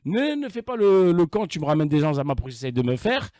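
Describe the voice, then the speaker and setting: A man's voice: fairly high pitch, big pitch swings, fast, warm tone. A man hosting a casual livestream, teasing and crude, laughing often as he talks. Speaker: livestream host.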